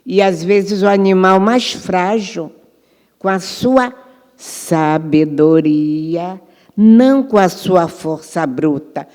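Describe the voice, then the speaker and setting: Slow-spoken older woman in an echoing hall. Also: fairly low pitch, warm tone. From Rio de Janeiro, Brazil. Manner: slow, deliberate teaching with spoken examples. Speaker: guest speaker, elder of an Afro-Brazilian religious tradition. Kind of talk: panel talk. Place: cultural center event hall. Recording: reverberant hall.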